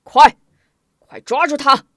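A woman voicing a brutal male army general who barks loud commands. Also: on the low side, sing-song, slow, no room sound, studio quality, full character voice. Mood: bellowing.

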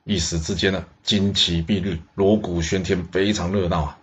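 A man telling a historical tale in a lively way, exclaiming and speaking asides to the listeners. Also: low-pitched, moderate pace. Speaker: storyteller. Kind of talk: historical storytelling. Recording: dull lo-fi recording.

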